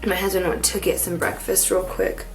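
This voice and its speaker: A woman's voice: lowish voice, flat delivery, moderate pace, faint music behind, poor audio. A woman talking casually in a personal vlog, in a rambling, informal, folksy way. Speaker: vlogger.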